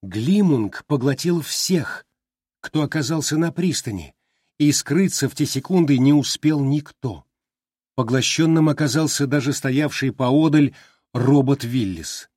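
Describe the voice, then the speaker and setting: A man narrating an audiobook in a slow, measured, deliberate way. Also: mid-range voice, darkish tone, dry recording, clean studio sound. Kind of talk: scripted narration.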